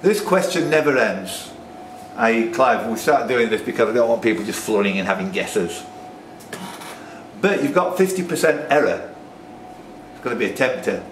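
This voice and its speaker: A man with a mid-range voice and lively intonation reads pub quiz questions at a normal pace, sprinkling in chatty jokes. The live event takes place inside a noisy, echoey pub and is recorded from a distance.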